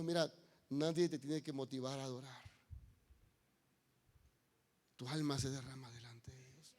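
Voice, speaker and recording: A man's voice: fairly high pitch, darkish tone. A male pastor giving an emphatic sermon in church, with folksy asides. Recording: long reverb of a church hall.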